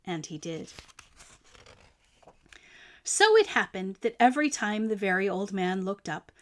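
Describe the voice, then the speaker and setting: A storyteller with a mid-range voice reads a picture book to children, her phrasing deliberate and her delivery emphatic and expressive.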